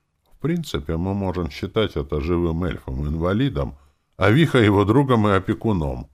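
A man's voice: deep voice, lively intonation, normal speed, a little mellow, pitched above the performer's own voice. A man voicing a formal, ceremonious male elf druid elder. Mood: solemn.

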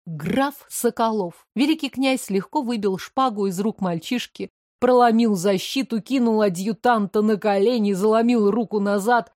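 A woman's voice: medium pitch, normal speed, few pauses, darkish tone, no echo, clean studio sound. A woman narrating an audiobook in a tense, dramatic storytelling manner. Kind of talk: scripted narration.

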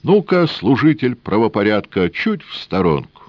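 A man's voice: lowish voice, very animated, normal speed, no room sound, lo-fi sound, pitched above the performer's own voice. Man doing a sly sneering thief. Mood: smug. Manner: smug, mocking and coaxing. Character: cocky male card-sharp thief, sly, sneering.

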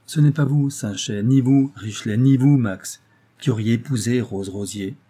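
A man voicing a proud, sharp-tongued former actress in an audiobook, cool and biting. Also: mid-range voice, moderate pace, lightly acted. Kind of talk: audiobook character voice.

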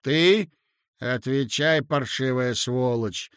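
A man voicing a pale young man who speaks in a cold, metallic, measured way. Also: mid-range voice, a bit bright, smooth, dry recording, clean studio sound. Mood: menacing.

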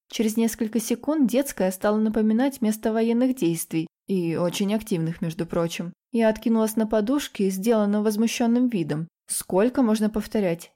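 A woman narrating a fantasy audiobook in the first person with an even storytelling delivery. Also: mid-range voice.

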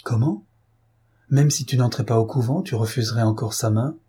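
A man reading the lines of an eager, caring married woman in a storybook, voicing her a little higher than his own voice. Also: moderate pace, mellow, breathy edge.

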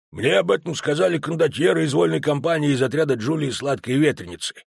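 A man's voice: fairly high pitch, vocal fry, breathy edge, dry recording, heavily acted. A man voicing a blunt male dwarf soldier who talks in a dry, knowing way in an audiobook. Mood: grumbling.

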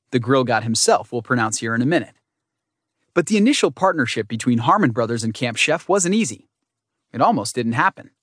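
A man's voice: medium pitch, no echo. Dry-witted male audiobook narrator. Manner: dry, wry humor. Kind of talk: scripted nonfiction narration.

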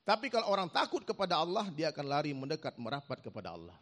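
A man delivering a storytelling sermon about his own past, acting out the voices of the people in his story and joking with the congregation. His voice sits a little high for a man and swings widely in pitch, so the telling sounds lively and animated. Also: fast talker. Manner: animated, acts out dialogue, joking with the audience. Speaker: preacher giving a personal testimony.

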